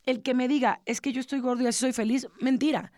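Mujer mexicana de voz aguda, seca. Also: female voice, sits high, fast talker, no room sound, clean studio sound. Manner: earnest, animated, acts out quoted dialogue. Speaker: podcast co-host, interviewee. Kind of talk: emotional personal storytelling.

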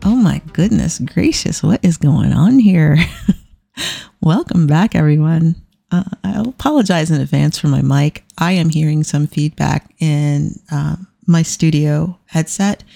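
A woman's voice: low voice, measured pace, gravelly, warm tone, no room sound, studio quality, soft background music. A middle-aged woman hosting a podcast alone, chatting casually with irreverent, self-deprecating humour. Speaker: podcast host. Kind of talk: casual solo podcast talk.

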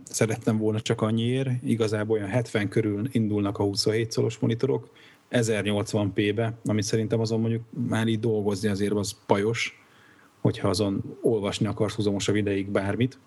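Male podcast host, casual rambling talk, slightly low voice. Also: little pitch movement, a little mellow. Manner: rambling, searching for words with fillers. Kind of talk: casual chat.

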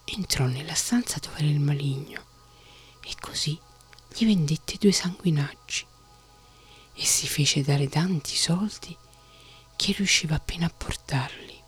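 Whispered bedtime story narrator, breathy and slow. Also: mid-range voice. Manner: soft, steady whisper.

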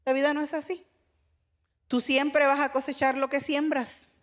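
An older woman with a Puerto Rican accent preaches in an easy, conversational way. She tells family stories and then presses her point with growing emphasis. Her voice sits a little high. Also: a bit bright. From Puerto Rico. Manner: conversational preaching with retold family anecdotes, rising to emphatic exhortation. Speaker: pastor. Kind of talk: sermon to a women's meeting.

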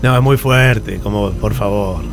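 A man with an Argentine accent hosting comic radio banter, objecting in a halting, repetitive way while addressing his partner formally. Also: fairly low pitch, gravelly, soft background music. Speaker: radio show host.

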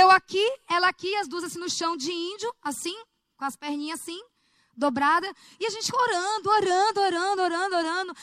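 A woman's voice: very high voice, no echo, studio quality. A woman telling an emotional prayer testimony as a sermon, speaking straight to her listeners. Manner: emotional, animated storytelling, addresses audience as gente. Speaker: preacher.

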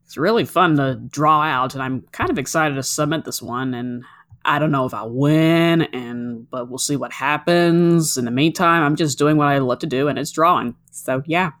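A woman's voice: sits low, normal speed, a bit bright. A woman co-hosting a casual podcast, explaining things in long, chatty run-on sentences. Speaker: podcast co-host.

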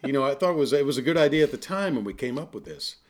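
A man's voice: medium pitch, lively intonation, very fast. A man co-hosting a podcast in casual chat, talking in a self-deprecating way and often laughing. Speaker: podcast co-host.

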